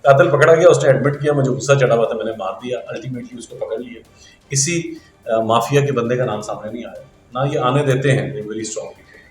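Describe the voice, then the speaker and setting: A man's voice: medium pitch, far from the mic, faint music behind. A middle-aged man and interview guest, speaking earnestly and respectfully, often addressing his host as sir. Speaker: interview guest, engineering teacher. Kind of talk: interview answers. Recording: echoey room.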